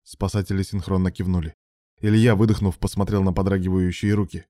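This is a man narrating a tense story in a steady, dramatic reading. His voice sits low with a warm, mellow tone, and the sound is dry and close. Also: brisk, no echo.

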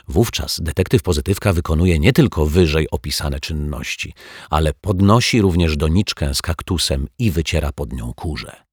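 A man with a low, slightly husky voice reads a children's story aloud. His narration is expressive and moves through a wide range of pitch. The recording is dry and close to the mic. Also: no echo. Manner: expressive, lively reading. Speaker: audiobook narrator.

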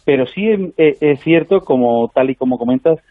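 A man's voice: mid-range voice, animated, moderate pace, no echo. A man with a Spanish accent from Spain, an author guest explaining agreeably on a radio interview. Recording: dry tinny phone line.

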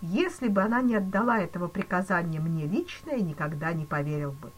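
Woman doing a solemn male police chief, grave and regretful, lively pitch, storybook. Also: a little fast.

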